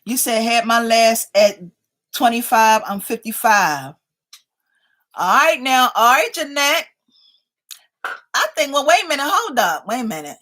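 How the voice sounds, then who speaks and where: Very animated but unhurried, a livestream host in her fifties speaks in a fairly high, slightly bright voice broken by long pauses. She's playful and talkative, reading viewers' comments aloud and calling them "y'all."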